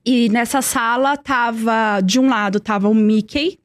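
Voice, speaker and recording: A woman's voice: on the high side, fairly even intonation, measured pace, no echo. A young woman telling a personal story in earnest, repeating words for emphasis. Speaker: guest.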